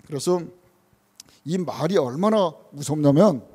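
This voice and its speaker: A man's voice: on the high side, animated, unhurried, mellow, husky, in a large hall. A man, a church elder, preaching a sermon, earnest and full of rhetorical questions, now and then acting out a parent's words. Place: church sanctuary.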